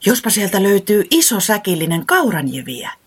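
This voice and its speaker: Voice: medium pitch, sing-song, fairly bright tone, slightly rough, pitched above the performer's own voice. A storyteller voicing a small, timid chick in a children's storybook, speaking in a small, hopeful voice.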